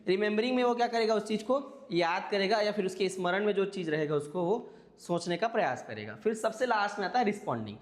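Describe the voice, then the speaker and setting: A man's voice: high voice, animated, fast, big-room sound. A man teaching an exam-prep class, explaining step by step and checking in with his listeners. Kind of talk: classroom lecture.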